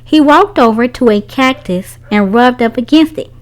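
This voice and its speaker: A woman reads a children's storybook aloud at normal speed in a fairly high voice whose pitch rises and falls very lively. Her expressive delivery is pitched for young listeners, and the recording is very noisy.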